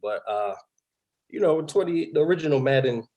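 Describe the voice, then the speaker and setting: A man's voice: a little high, animated, normal speed, a little mellow, lo-fi sound. A man appearing as a guest on a talk show, speaking in a confident, boastful press-conference manner.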